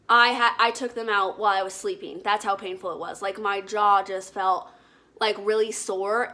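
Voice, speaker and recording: A woman's voice: medium pitch, pushed and bright. A woman vlogger chatting casually to viewers, explaining and demonstrating things as she goes.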